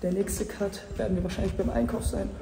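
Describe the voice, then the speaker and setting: A man's voice: sits high, flat delivery, brisk, vocal fry. Hyped young man vlogging on a phone. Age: young adult. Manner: hyped, slangy, addresses viewers directly. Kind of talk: casual vlog narration. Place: city streets, hotel and gym, in and out of doors. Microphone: phone camera at arm's length.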